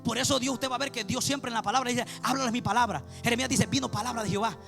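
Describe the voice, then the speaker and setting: A man's voice: very high-pitched, racing, creaky, a bit bright, faint music behind. A man preaching a fervent sermon in Spanish, repeating phrases and calling out to his beloved brothers. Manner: fervent, repetitive, addresses listeners as beloved brother.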